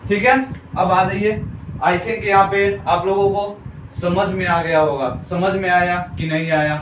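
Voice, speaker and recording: A man's voice: high-pitched, steady tone, a little slow, fairly bright tone. A male teacher giving a classroom grammar lecture, drilling the students with repeated questions and coaxing them to answer. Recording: echoey room, far from mic, noisy.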